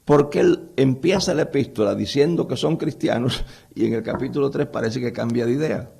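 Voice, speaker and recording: A man's voice: medium pitch, fairly quick, creaky, a little mellow, slightly rough. A man lecturing on the Bible to a live audience in a conversational way, often putting rhetorical questions to his listeners.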